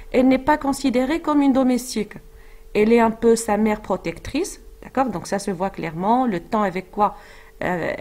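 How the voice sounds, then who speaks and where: Woman teacher, explanatory, fairly high voice, hesitant. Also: a little mellow. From Morocco. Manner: explanatory, checks with frequent "d'accord?"; hesitant, with fillers and restarts. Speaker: French teacher. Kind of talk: explaining a literary text.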